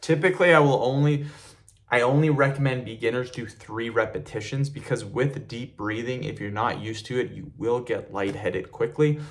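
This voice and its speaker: With slight background noise, a young man's medium-pitched voice comes through at a normal speed as he vlogs casually from a small home gym. This fitness vlogger is chatty and loose, repeating words and saying um a lot, with the camera mic in front of him showing his head and shoulders.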